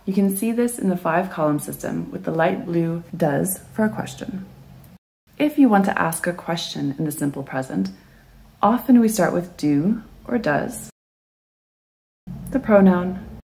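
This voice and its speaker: Mellow-voiced woman teaching grammar. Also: fairly low pitch, lively intonation, a little slow, gravelly. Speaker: English teacher. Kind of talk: scripted grammar lesson narration.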